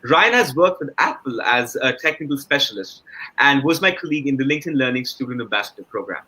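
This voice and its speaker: A man's voice: mid-range voice, animated, quick pace, bright, forceful tone, slightly rough, poor audio. A young man moderating a panel with formal, scripted introductions.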